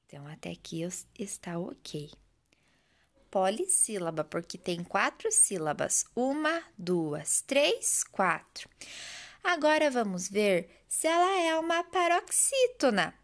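A primary school teacher with a Brazilian Portuguese accent gives a remote lesson to children in a patient, sing-song voice. She speaks at a measured pace in a mid-range voice with big swings in pitch.

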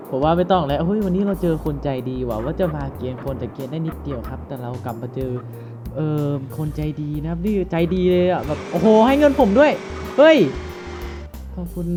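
A man hosting a gaming video, commenting as he plays with excited exclamations and casual swearing. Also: high-pitched. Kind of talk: let's-play commentary.

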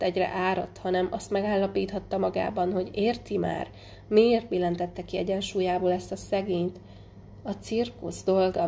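A woman narrating a literary audiobook in a measured, unhurried way, now and then stumbling and restarting a word. Her voice is low-toned and mellow with a gravelly edge, sitting at an ordinary pitch for a woman. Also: a little hiss or hum. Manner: measured, unhurried reading with small slips and restarts. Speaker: audiobook reader.

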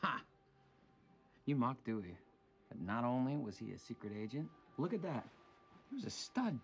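A man's voice: medium pitch, sing-song, moderate pace, creaky, slight background noise. An actor playing a smug, wisecracking man in TV crime drama banter. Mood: smug, amused.

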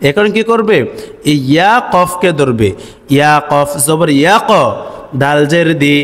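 A man teaching Quran reading step by step. He asks and answers his own questions and chants the sample words slowly. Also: on the high side, long reverb tail. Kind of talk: step-by-step recitation lesson.

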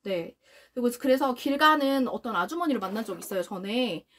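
A young woman talks through a dog nail grinder demo in a high voice. Her pitch swings widely and turns sing-song when she praises her dog. The talk is casual and friendly. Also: animated, brisk, fairly bright tone. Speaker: dog owner demonstrating pet grooming product. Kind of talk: casual product demonstration.

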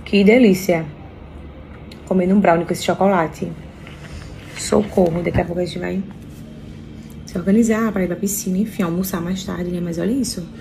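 A woman's voice: lowish voice, fairly even intonation, normal speed, creaky, pauses often, mellow, slight background noise. Chatty woman touring a hotel. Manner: chatty, exclaiming to viewers. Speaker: vlogger. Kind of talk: casual vlog tour.

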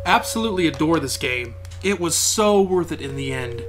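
A man speaking expressively and excitedly to camera about gaming. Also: fairly high pitch, moderate pace, noisy background. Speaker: gamer interviewee. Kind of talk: personal testimony to camera.

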